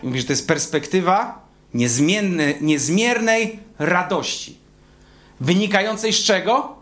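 A man preaching a sermon in an animated, emphatic way, stretching out key words. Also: high voice, a little slow.

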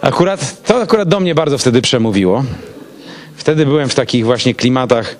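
A man, a pastor, telling a personal story in a casual, animated way and acting out both sides of the dialogue. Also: mid-range voice, brisk, a little hiss or hum.

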